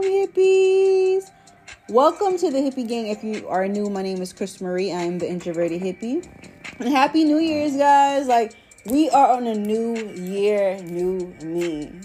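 A woman with a mellow, warm voice chats casually as a solo podcast host. She sounds stoned, drifting through slangy, rambling thoughts addressed to y'all. Faint music plays behind her. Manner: stoner drawl, high and rambling.

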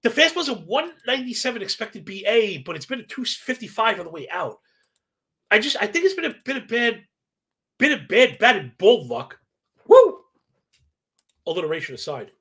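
A man's voice: high-pitched, big pitch swings, brisk, pushed and bright. A man hosting a live sports betting stream, giving casual, stat-heavy commentary in slangy, professorial talk and often checking in with a tagged "right?". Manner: slangy, asks "right?" as a constant tag; self-described professorial, rattles off statistics.

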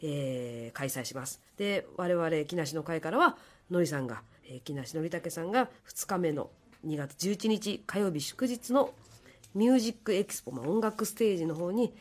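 A woman with a hoarse voice, politely explaining an event on the radio as a producer and guest. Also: lowish voice, animated, normal speed. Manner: apologetic, polite. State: hoarse from drinking.

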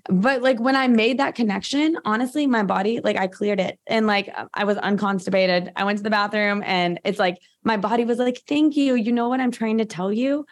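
Thirties woman, guest expert, chatty and loose, medium pitch. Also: a little fast, hardly any pauses. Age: 30s. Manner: chatty, frequent "like" fillers. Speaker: guest practitioner. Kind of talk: casual interview talk.

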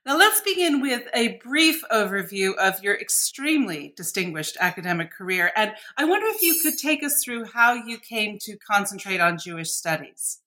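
A woman hosts a podcast interview with a bright, clear voice. She reads her introductions formally and asks long, careful questions. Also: mid-range voice, very animated, normal speed, few pauses. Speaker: podcast host.

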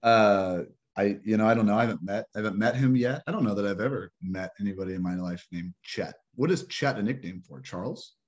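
A man co-hosting a podcast, chatting casually about sports in a rambling, halting way full of restarts. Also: on the low side, husky, dull audio. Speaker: podcast co-host.

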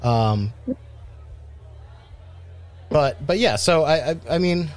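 A man's voice: a little high, expressive, slow pace. A man from Rhode Island co-hosting a podcast, chatting casually and rambling with many fillers and restarts. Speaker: podcast co-host. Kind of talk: casual chat.

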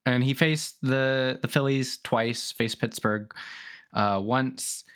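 Slow-talking man with wry humor. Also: medium pitch, steady tone, fairly bright tone, clean tone. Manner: wry, halting, lots of pauses. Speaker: podcast co-host. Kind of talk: casual sports chat.

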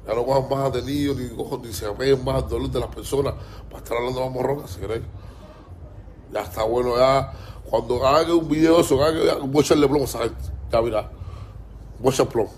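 A man's voice: medium pitch, fairly even intonation, fairly quick, a little mellow, a little hiss or hum. A man with a Cuban Spanish accent, ranting in a heated, repetitive way, stumbling over his words and swearing often. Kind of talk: casual ranting monologue.

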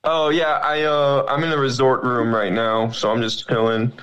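A man's voice: mid-range voice, little pitch movement, moderate pace, fairly bright tone, smooth, dull audio. Chill guy on a dating game, mid voice, just chatting. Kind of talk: casual chat.

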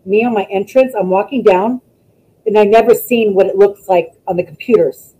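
A woman, a former wrestler, chatting as a guest over a video call, telling stories in an animated way and acting out what people said. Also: medium pitch, moderate pace, slightly rough, poor audio. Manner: animated storytelling, acts out quotes. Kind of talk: casual interview chat.

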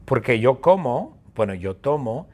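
Un hombre que narra un cuento absurdo de forma juguetona y repetitiva. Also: male voice, medium pitch, measured pace. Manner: playful, repetitive, animated. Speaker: storyteller. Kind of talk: playful story narration.

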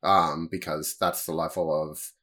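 A man's voice: sits low, level tone, unhurried, bright, forceful tone. A man co-hosting a podcast in casual chat, dry and self-deprecating, often stopping and restarting. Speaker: podcast co-host.

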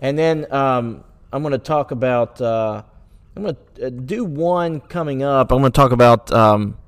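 A man hosts his own podcast in an earnest, searching way, firing off rhetorical questions and stumbling through fillers and restarts. His voice sits at an ordinary middle pitch. The sound is dry, with no room around it. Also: moderate pace, smooth, no echo. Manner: sarcastic at times. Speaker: podcast host. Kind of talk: solo podcast commentary.

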